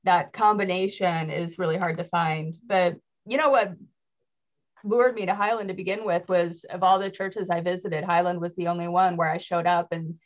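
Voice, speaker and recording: A middle-aged woman speaking articulately as a guest on a video call, laughing easily. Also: lowish voice. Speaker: guest, worshiping community leader. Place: room at home by a window. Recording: dull lo-fi call audio.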